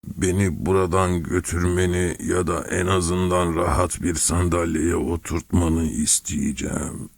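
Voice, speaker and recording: A man voicing an old man who was just born, speaking in a cracked, worn, whining voice, slow and quiet. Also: deep voice, little pitch movement, gravelly, no room sound, exaggerated voice. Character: frail old man newborn, querulous and whining.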